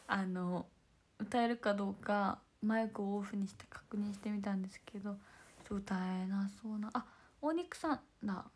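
A young woman with a hoarse, worn-out voice, chatting casually on a livestream and thanking fans by name. She slips back and forth between bright greetings and breathy half-whispers. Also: mid-range voice, normal speed. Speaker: idol livestream host. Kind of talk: casual livestream chat reading fan comments.

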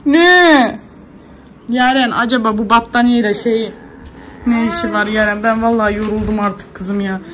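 A woman's voice: mid-range voice, flat delivery, moderate pace, a little hiss or hum. A woman in her thirties with a Turkish accent, chatting to viewers in a casual home vlog while she cleans and calls after her kids. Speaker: vlogger, mother.

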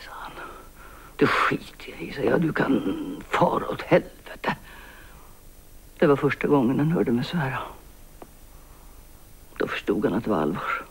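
An actress in her sixties playing a guilt-ridden older woman writer who makes a hushed, halting, often whispered confession in a TV drama. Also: very deep voice, gravelly, breathy edge, full character voice. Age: 60s. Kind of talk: 1990s Swedish TV drama acting.

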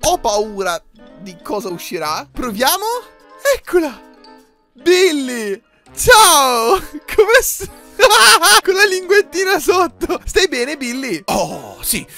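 A man giving playful, hyper gaming commentary, with sudden shouts and sing-song bits. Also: very high-pitched, big pitch swings, slow pace, gravelly, faint music behind. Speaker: Minecraft YouTuber.

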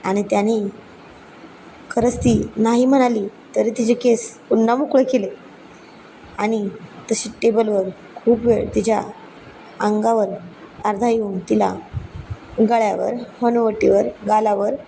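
Woman storyteller, romantic narration, unhurried, fairly high voice, mellow tone. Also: steady tone, creaky, slight background noise, low-quality recording. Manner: unhurried, with frequent restarts.

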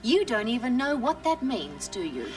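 A woman's voice: a little high, very animated, moderate pace. A scathing city woman. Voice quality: sarcastic, scolding. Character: sharp-tongued city woman. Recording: distant TV mic with faint music.

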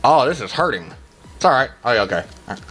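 A man in his thirties hosts a gaming challenge in a casual, halting way. His mid-range voice swings widely, jumping into exclamations and dropping into muttered asides. Faint music plays behind him as he talks from a small room. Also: medium pitch, sing-song, sharp tone, slightly rough. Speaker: gaming video host. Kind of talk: casual challenge gameplay commentary.

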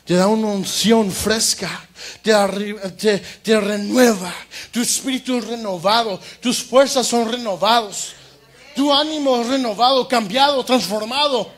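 A man preaching a sermon in church with passion, going from loud outbursts to hushed appeals. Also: sits high, unhurried.

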